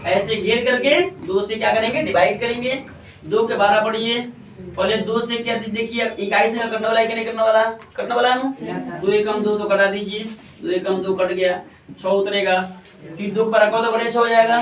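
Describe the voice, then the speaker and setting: A man's voice: high voice, a bit bright, slight background noise. A man teaching a maths lesson step by step, often asking a question and then answering it himself. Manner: step-by-step explaining, asks and answers his own questions. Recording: echoey room, mic far off, faint ambience.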